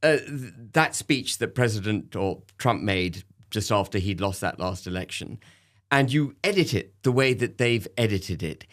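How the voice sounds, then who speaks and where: A man speaking as a guest in a studio discussion, halting and restarting often as he makes his points. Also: lowish voice, expressive, fairly bright tone. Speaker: guest commentator.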